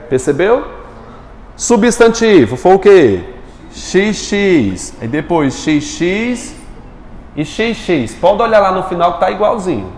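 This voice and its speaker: A man's voice: high voice, darkish tone, a little hiss or hum. A man teaching a live grammar class, quizzing his students and answering his own questions. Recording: echoey room with long reverb.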